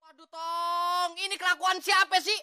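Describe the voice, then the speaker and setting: An actress playing a flustered neighbour in a folk comedy sketch, talking loudly in exclamations. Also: female voice, very high-pitched, flat delivery, normal speed, no room sound, clean studio sound, heavily acted. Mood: alarmed. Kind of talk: Betawi folk comedy acting.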